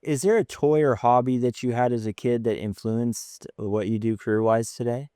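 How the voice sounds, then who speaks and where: A man's voice: mid-range voice, fairly even intonation, moderate pace, dark tone, clear, resonant tone, no room sound, clean studio sound. A man hosting an interview podcast, chatty and enthusiastic as he asks questions and shares memories. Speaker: podcast host.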